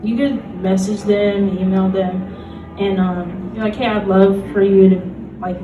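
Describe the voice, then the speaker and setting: A woman gives a loose, conversational panel presentation, filled with "like" and small laughs, at a measured pace and medium pitch with fairly even intonation. The audio is narrow and tinny, captured by a roomy, distant mic with loud music behind.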